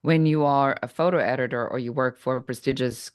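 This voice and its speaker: A middle-aged woman from Germany, telling her story as a podcast guest, candid and energetic with frequent fillers. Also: a bass voice, fairly quick, clean tone, no room sound, clean studio sound. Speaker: podcast guest, business coach. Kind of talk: conversational storytelling interview.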